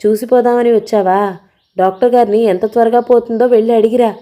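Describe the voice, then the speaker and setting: A woman reads out a furious middle-aged mother in an audio novel, her dark, mellow voice pouring out accusing tirades. She scolds without pause, bitter and wounded. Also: on the high side, fairly even intonation, natural voice. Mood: bitter scolding.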